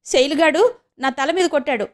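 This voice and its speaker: A woman voicing a fiery, stubborn teenage girl who shouts defiantly. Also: sits high, fairly quick, pitched above the performer's own voice, lightly acted. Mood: furious.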